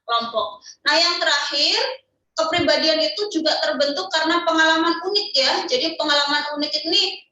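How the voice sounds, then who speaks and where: Bright-voiced woman teaching in an echoey room. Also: sits high, fairly quick, distant mic. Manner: explains step by step, asks and answers own questions, frequent "ya" tags. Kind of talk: online class lecture.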